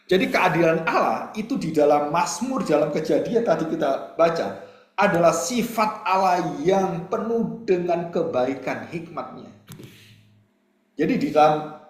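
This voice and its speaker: A male pastor delivers an expressive sermon, his fairly high voice jumping between loud exclamations and quiet asides. The sound rings in an echoey church hall. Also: a little slow.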